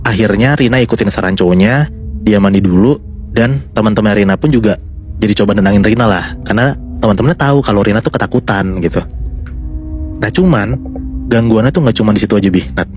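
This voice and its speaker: A man's voice: fairly low pitch, fast talker, darkish tone, faint music behind. A man casually telling a horror story to his co-hosts, chatty and building suspense. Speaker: storyteller host.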